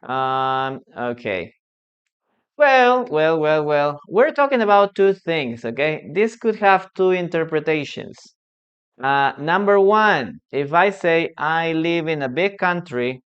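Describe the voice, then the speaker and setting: Slow, patient man teaching English. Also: fairly high pitch, a bit bright, clear, resonant tone. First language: Spanish. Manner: patient, repetitive, checks understanding with frequent "okay?". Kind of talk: live online English lesson. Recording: dull lo-fi stream audio.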